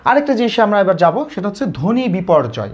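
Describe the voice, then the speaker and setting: Bangladeshi teacher drilling grammar questions. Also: male voice, high-pitched, big pitch swings, quick pace. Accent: Bangladeshi Bengali. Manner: repeats questions and answers them himself. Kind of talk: live online grammar lesson. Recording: slightly dull lo-fi audio.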